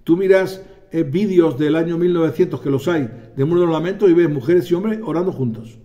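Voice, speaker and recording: A man preaching a sermon, animated, acting out voices and calling on the congregation for amens. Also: on the high side, fairly quick.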